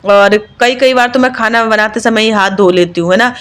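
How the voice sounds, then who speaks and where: A woman's voice: on the high side, normal speed, fairly bright tone, clear, resonant tone. A woman and mother narrating her own home vlog in a chatty, confiding voice-over, with lots of fillers. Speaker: vlogger, mother.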